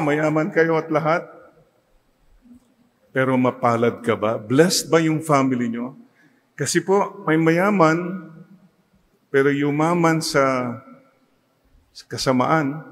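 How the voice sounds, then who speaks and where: A Filipino man, a priest, preaching a sermon that mixes Tagalog and English and leads the congregation in call-and-response. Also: mid-range voice. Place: church. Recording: long church reverb.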